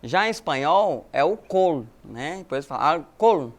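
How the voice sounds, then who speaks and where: A man's voice: fairly high pitch, big pitch swings, moderate pace, fairly bright tone. A Brazilian man teaching a recorded language lesson, explaining patiently and checking in with his students with friendly little tag questions. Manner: explanatory, addresses students as galerinha, frequent né tags. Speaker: Spanish teacher.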